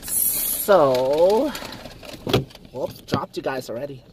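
A man's voice: fairly high pitch, expressive, drawn-out words, background noise. A man from Canada hosting a casual eating vlog, chatty and giggly with cheeky jokes. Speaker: vlog host. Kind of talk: casual mukbang chat.

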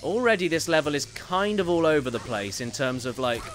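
A man's voice: a little high, animated, brisk, a bit bright, soft background music. A man streaming a video game, chatting casually and reading viewer messages aloud, rambling and correcting himself as he goes. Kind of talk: casual gameplay commentary.

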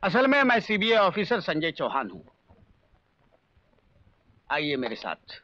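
A man's voice: fairly high pitch, huge pitch swings, a little slow, bright, forceful tone, full character voice. An actor playing an authoritative male police officer who gives orders and explains a case. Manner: explaining, commanding. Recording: dull film soundtrack with faint noise.

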